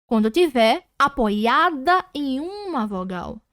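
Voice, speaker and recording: A Brazilian woman teaching an online Portuguese grammar lesson, patiently repeating words slowly and checking that students follow. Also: high-pitched, sing-song, a bit bright, dry recording, clean studio sound.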